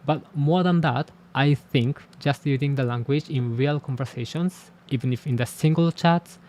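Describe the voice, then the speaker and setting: A little hiss or hum accompanies a mellow, medium-pitched male voice. The speaker, a Japanese-native language teacher and channel host, reflects candidly to camera on language learning, staying measured and gently self-deprecating.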